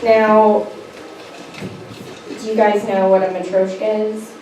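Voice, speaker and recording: A woman doing a stand-up set on a small club stage, deadpan and chatting with the crowd. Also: mid-range voice, slow. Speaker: stand-up comic. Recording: echoey room from far off with noise. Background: audience laughter.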